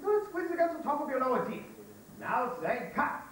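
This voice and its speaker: A stage actor playing an impatient, pompous phonetics professor, lecturing briskly and exasperatedly. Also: sits high, big pitch swings, a bit bright, a little hiss or hum. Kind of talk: amateur stage musical acting. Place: theater stage. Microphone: audience recording from far off. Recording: echoey theater hall, distant mic.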